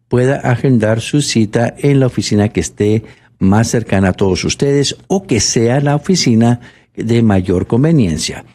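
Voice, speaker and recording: Husky-voiced man pitching bank services. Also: warm tone. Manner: persuasive, repetitive, with fillers. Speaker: bank representative on radio. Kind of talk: radio promotional talk.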